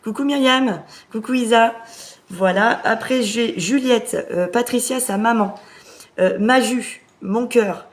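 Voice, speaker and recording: A woman medium hosting a live stream, talking casually with many hesitant fillers as she briskly relays messages. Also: on the high side.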